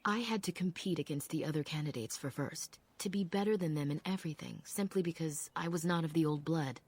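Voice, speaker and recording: An actress playing a calm, proud elf apprentice who speaks in a measured, reflective way with a low husky voice, from a game. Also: female voice. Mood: solemn.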